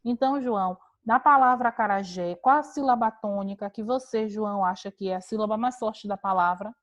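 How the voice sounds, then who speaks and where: A woman's voice: mid-range voice, fairly quick, dull audio. A woman teacher giving an online class on a video call, explaining step by step with patient rhetorical questions.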